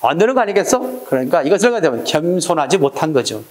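Lively male Korean exam lecturer. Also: a little high, fast. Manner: quizzing questions to students, acting out little dialogues.

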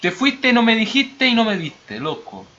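A man putting on a sing-song Argentine accent to play a guy teasing an old friend, higher than his own voice. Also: wildly swooping pitch, unhurried, pushed and bright, highs cut off, exaggerated voice.

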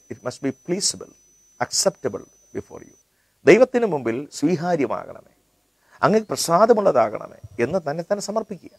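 A middle-aged man, a pastor teaching a Bible study in a measured, rhythmic way, on a lapel mic in a studio. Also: on the high side, no echo. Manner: measured, rhythmic delivery, mixing in English phrases. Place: indoor studio set.

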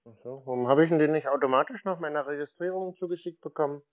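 Posing as a clueless customer to bait a scammer, a man chats casually on a phone call, asking questions. He talks fast in a fairly high voice, with no room sound, over muffled narrow-band call audio.

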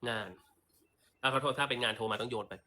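A man's voice: mid-range voice, fairly even intonation, fast talker, bright, forceful tone, slight background noise. A man chatting sassily on a livestream while selling lipstick, with theatrical asides. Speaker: livestream seller. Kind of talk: casual livestream sales chat.

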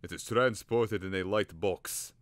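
A man's voice: on the low side, unhurried, no room sound, lightly acted. A man voicing a stern old male professor who speaks solemnly and declaims.

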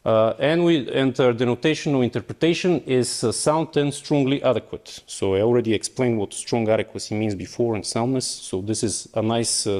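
A man's voice: lowish voice, a little mellow. Young man giving a hesitant technical talk. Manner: hesitant, many fillers and restarts. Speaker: conference speaker. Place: lecture auditorium.

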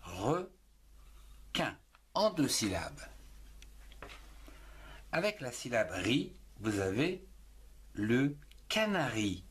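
Very slow, lively-pitched man spelling words. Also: husky. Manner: spells words letter by letter, deliberate teacherly. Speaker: writing teacher. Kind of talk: slow spelling and syllable lesson.

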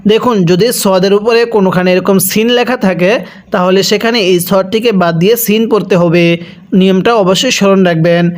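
A man teaching Quran reading who spells out each syllable and then chants the verse slowly for students to repeat. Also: high voice, fairly even intonation. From Bangladesh.

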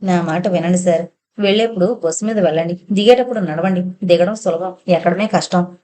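A woman's voice: lowish voice, fairly quick, warm tone, natural voice. Woman voicing a chatty scheming lorry driver. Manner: talkative, familiar, calls him sir.

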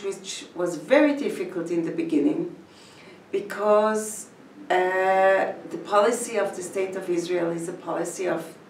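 This older woman from Switzerland works as a community educator and speaks to camera about her village, measured and pausing between phrases. She has a lowish, gravelly, roomy voice. The recording, made at a distance in an echoey indoor room with a painted mural behind her, carries slight background noise.

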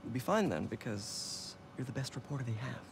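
Young male science teacher voiced by an actor, natural game dialogue, earnest, expressive pitch, rumbly noise behind. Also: fairly quick, close to an everyday voice. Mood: supportive.

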